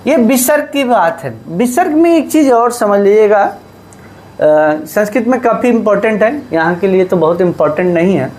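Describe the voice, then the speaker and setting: A man's voice: sits high, expressive, normal speed, darkish tone. A male teacher giving a lesson, who asks questions and answers them himself and repeats the key terms. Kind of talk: classroom lesson.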